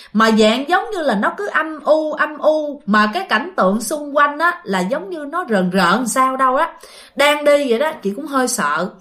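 In this casual ghost story, the teller, a woman with a Southern Vietnamese accent, chats away and addresses her listeners directly. Her voice sits on the high side, bright and forceful in tone.

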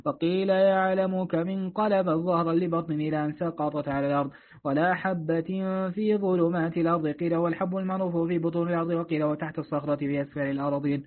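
A man reads classical Quranic commentary aloud at a quick clip, his voice sitting a little high. He slows down for the quoted verses. The sound is thin and phone-like. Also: flat delivery. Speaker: student reading the text aloud. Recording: tinny phone-like recording.

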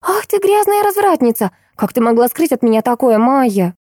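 A woman voicing an excitable, chatty teenage girl who squeals and fires off questions. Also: on the high side, no echo, voice pushed up. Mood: mock-outraged. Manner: squealing, rapid-fire questions. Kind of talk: audiobook character voice.

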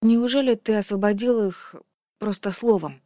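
A woman voicing a timid young woman who answers quietly and falters. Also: medium pitch, normal speed, dry recording, studio quality, pitched above the performer's own voice, lightly acted. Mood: wondering.

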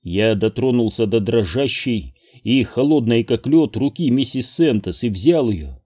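A male audiobook narrator tells the story at an unhurried, deliberate pace. His voice is dark and mellow, of middling pitch. The telling stays steady and measured throughout. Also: husky. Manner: slow, measured, even telling. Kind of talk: scripted narration.

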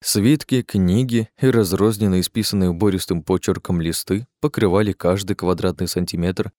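A man with a low, grounded voice narrating a fantasy story in a measured, even way. The recording is close and dry, with no room sound. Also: dry recording. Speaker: audiobook narrator.

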